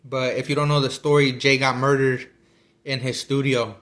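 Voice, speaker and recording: A man's voice: mid-range voice, little pitch movement, moderate pace, a bit bright. Guy rambling about a book, lots of ums and restarts, eating while he talks. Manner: rambling, with many fillers and restarts. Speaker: vlogger discussing a book. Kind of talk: casual chat.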